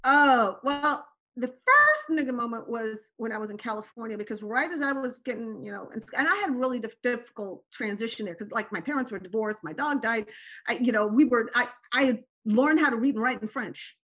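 A woman with a slightly high voice, whose first language is Turkish, tells personal stories briskly as a podcast guest, and the sound is lo-fi. She's animated throughout, regularly adding "right?" to what she says.

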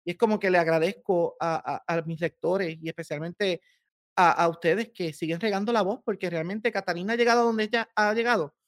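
A man, an author being interviewed on a podcast, talking in an animated and emotional way. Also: high voice, brisk, no echo, studio quality. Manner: emotional, animated, laughs often. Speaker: author guest.

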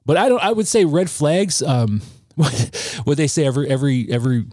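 A man in his thirties, a podcast guest, telling a personal story in an earnest, halting way with frequent restarts. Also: a little high, expressive, a little mellow, no echo, clean studio sound.

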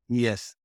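Eagerly working through his material step by step, a man appears as a guest course creator in a casual interview chat over a video call. The recording is studio quality with no room sound.

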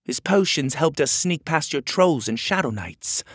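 A man's voice: fairly high pitch, animated, measured pace, a bit bright, slightly rough, dry recording, studio quality, pitched above the performer's own voice, exaggerated voice. A man voicing a brave, loyal young male hero who speaks up earnestly.

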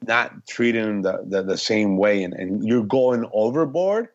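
Animated man telling a wild story. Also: fairly low pitch, measured pace, muffled recording. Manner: animated storytelling, says "man" often, swears. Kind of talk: casual podcast chat.

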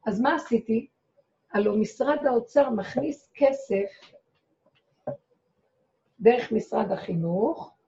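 Gravelly, mellow-voiced woman telling her story. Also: on the high side, muffled recording. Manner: dramatic storyteller who acts out her own cries and quotes. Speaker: rebbetzin giving a talk. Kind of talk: personal testimony told to an audience.

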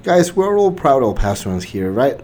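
This podcast host and center director from Mexico has a medium-pitched, slightly mellow voice with big pitch swings, talking at a normal speed amid some hiss or hum. His earnest, reflective personal sharing is full of fillers and restarts.

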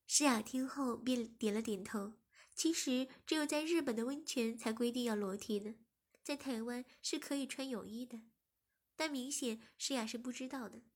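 A woman reading a story aloud in a soft, steady narration. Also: on the high side, breathy edge. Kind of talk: scripted narration.

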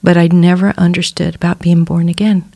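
Earnest lower-voiced woman telling her story. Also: little pitch movement, brisk, dark tone, no room sound. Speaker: guest. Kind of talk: personal testimony in a church podcast interview.

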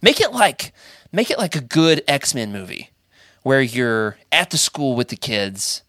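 Man, podcast host, casual chat, bright voice, enthusiastic, dry close mic. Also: mid-range voice, big pitch swings, measured pace, no echo. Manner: enthusiastic, rambling, jokey.

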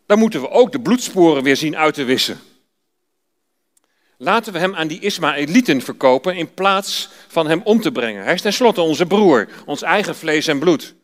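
A man's voice: fairly high pitch, animated, normal speed, natural voice. A man voicing a persuasive brother who reasons with the others in a Bible reading. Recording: long church reverb.

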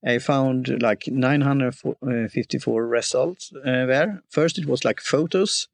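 A man hosting a podcast interview, talking haltingly and often stopping to search for words. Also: mid-range voice, vocal fry, no room sound. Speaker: podcast host. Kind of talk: casual interview.

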